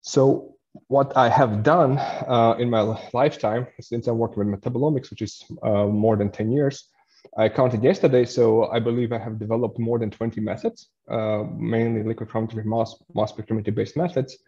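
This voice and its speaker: A man's voice: mid-range voice, steady tone, normal speed, dark tone, lo-fi sound. A man in his thirties from Latvia, giving a science lecture in a webinar, hesitant with fillers and restarts. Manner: hesitant, many fillers and restarts while explaining.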